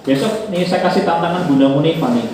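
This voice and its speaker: A man's voice: a little high, quick pace. Male seminar speaker addressing parents, picked up from a distance in a very echoey hall. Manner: lively, asks the audience questions and jokes. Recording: echoey hall from far off with faint noise.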